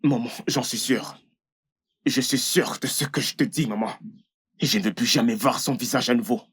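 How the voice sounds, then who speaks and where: A man's voice: mid-range voice, moderate pace, fairly bright tone, husky. An actor voicing a young husband insisting his wife is cheating, in a dubbed drama. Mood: agitated. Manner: agitated, insistent. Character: jealous, angry young husband.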